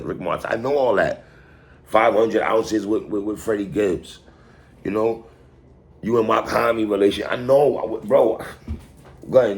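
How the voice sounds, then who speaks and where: Here a New York City hip hop album reviewer sounds lowish and a little mellow. He talks casually and with strong opinions, repeating himself, using slang and stressing his points while speaking right to the artist.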